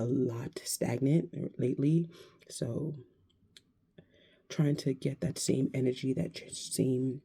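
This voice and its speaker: A woman in her thirties talking to camera in a casual, reflective vlog, hesitant and searching, with many pauses and restarts. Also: very deep voice, vocal fry, warm tone, slightly rough. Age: 30s. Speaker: vlogger.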